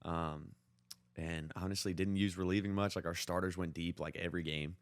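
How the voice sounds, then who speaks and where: Sports storytelling from a young American podcast co-host, delivered in casual slang with lots of "like." His voice is low-pitched with fairly even intonation and a moderate pace, and the audio has no echo.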